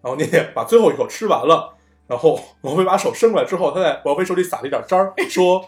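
A man's voice: fairly high pitch, lively intonation, fast talker, roomy sound, soft background music. A man hosting a casual chat, chiming in with agreement and eagerly retelling a story. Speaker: podcast host.

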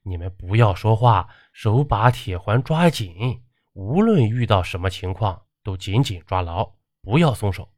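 A man's voice: fairly low pitch, animated, a little slow, darkish tone, no echo, clean studio sound. A man playing a stern, upright old village doctor who talks firmly and bluntly. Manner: firm, blunt.

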